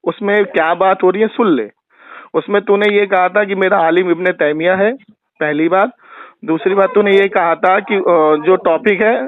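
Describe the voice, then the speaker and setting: A man in a heated phone argument as a religious debater, combative and taunting, accusing his opponent again and again. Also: high-pitched. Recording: tinny phone line.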